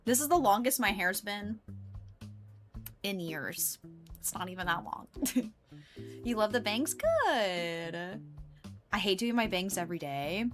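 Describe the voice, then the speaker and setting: A woman's voice: medium pitch, animated, takes it slowly, pauses often, a bit bright. Chatty American woman livestreaming over music. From United States. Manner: chatty, rambling from one remark to the next. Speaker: live game streamer. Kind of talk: casual livestream chat with viewers.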